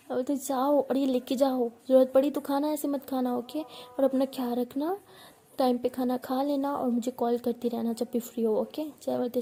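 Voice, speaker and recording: With slight background noise behind her, a woman speaks in a mellow, high-pitched voice while narrating her own love story. Her delivery is tender and intimate, and she acts out the dialogue by voicing both partners.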